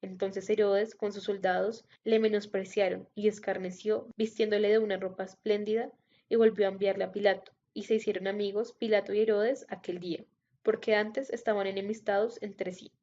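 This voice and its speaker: A woman reading a Bible passage aloud in a steady, measured way. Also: mid-range voice. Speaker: scripture reader. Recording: dull lo-fi recording.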